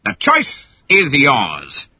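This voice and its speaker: A man's voice: mid-range voice, wildly swooping pitch, pushed and bright, breathy edge, dry recording, heavily acted. A man voicing a sneering, villainous pirate captain who gloats and drags out his threats, in a children's storybook reading. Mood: gloating. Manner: gloating, crowing, drawn-out menace.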